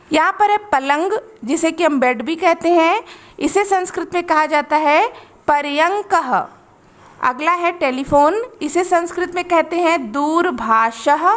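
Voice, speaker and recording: A woman tutor, explaining a lesson and carefully pronouncing words one by one. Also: sits high. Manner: slow, careful word-by-word pronunciation drills.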